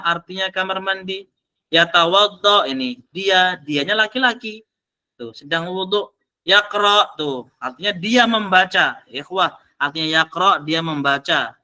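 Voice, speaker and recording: A man teaching an online Arabic class, slowly sounding out each Arabic word before explaining it. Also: high voice, pushed and bright.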